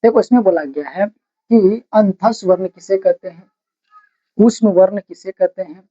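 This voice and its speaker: A patient classroom voice spells out grammar definitions slowly, breaking each sentence into single words so that students can copy them down. The tone is dark and mellow. The sound is dull and lo-fi, like a cheap phone recording. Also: medium pitch. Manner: asks questions and answers them itself. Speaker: Hindi grammar teacher. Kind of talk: blackboard-style grammar lesson, dictating notes.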